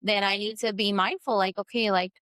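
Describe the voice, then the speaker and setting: A woman who runs a post-op massage business, talking candidly in an interview, with fillers, restarts and quick shifts into voices when she quotes people. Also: steady tone, no room sound. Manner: acts out quoted voices with sharp pitch jumps. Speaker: post-op massage therapist, guest. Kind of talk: casual interview conversation.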